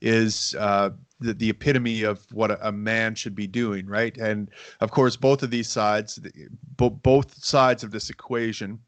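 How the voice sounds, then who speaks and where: A man's voice: fairly low pitch, steady tone, unhurried, dry recording. A middle-aged man hosting a casual interview podcast, rambling with many fillers and restarts. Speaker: podcast host.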